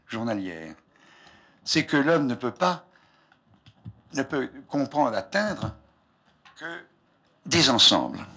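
Husky older man lecturing on old tape. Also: medium pitch, pushed and bright. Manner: discursive, didactic, often breaking off mid-phrase. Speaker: scientist giving a public lecture. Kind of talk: informal spoken lecture. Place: lecture hall, speaking from a raised platform.

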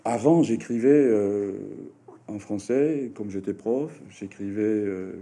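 His voice is fairly low, dark and mellow, and he talks very slowly, stumbling over fillers and restarting often. He is a native Japanese speaker from Japan, a writer and French teacher appearing as an interview guest.

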